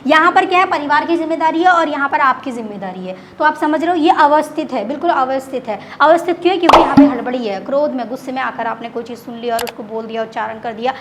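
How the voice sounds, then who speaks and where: A woman's voice: sits high, expressive, fast, hardly any pauses, very noisy. A woman teacher giving an online exam-prep lecture, explaining in simple terms, repeating key words and answering her own questions.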